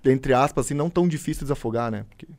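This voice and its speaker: A young man, a firefighter, chatting casually and easily, pausing now and then to recall details. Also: mid-range voice. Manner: relaxed, easygoing, pauses to recall details. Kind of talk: casual chat.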